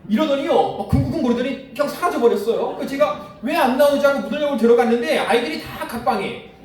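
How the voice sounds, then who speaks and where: A man's voice: very high-pitched, quick pace, a little mellow. A male pastor preaching a conversational sermon, asking the congregation questions and telling stories from home. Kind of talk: sermon with storytelling. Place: church sanctuary. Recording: echoey church hall, distant mic.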